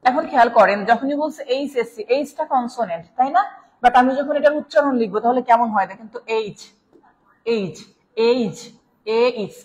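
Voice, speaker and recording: A woman with a Bangladeshi Bengali accent teaching an English grammar class live online. She explains step by step, keeps checking in with listeners, and calls them "sir". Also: a little high. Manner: explanatory, checks in with "right?", addresses viewers as "sir". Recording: long reverb.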